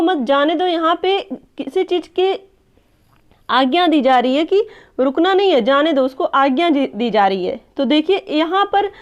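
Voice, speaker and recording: Woman, teacher, high voice, explaining patiently, keeps asking "clear?", dull lo-fi sound. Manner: checks understanding with a repeated "clear?"; explanatory, addresses viewers as friends. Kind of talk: online exam-prep lesson. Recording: dull lo-fi recording.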